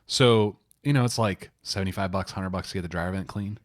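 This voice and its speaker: A man's voice: deep voice, a little fast. A man in his thirties co-hosting a podcast, giving casual advice in a loose, conversational way full of asides. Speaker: podcast co-host, property manager.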